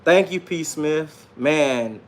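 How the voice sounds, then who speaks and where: Speaking slowly in an animated, higher-pitched voice, a self-published author in his late thirties delivers a loose livestream monologue. He's confident and full of slang, circling back over the same points and dropping "man" again and again.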